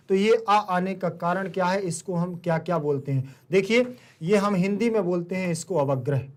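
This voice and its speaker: A man with a Hindi-speaking Indian accent, teaching a Sanskrit lesson. He asks his students questions and then answers them himself. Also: high voice.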